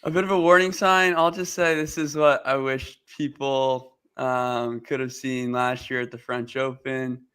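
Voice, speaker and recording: Male guest analyst, medium pitch, very bright and smooth resonant voice, casual sports chat in measured phrases. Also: little pitch movement. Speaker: guest co-commentator.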